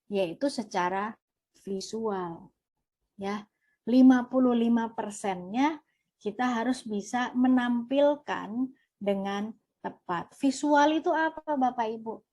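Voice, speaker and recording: A woman teaching a workshop, lively, asking and answering her own questions. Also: a little high, slow. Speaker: trainer. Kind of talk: online workshop lesson.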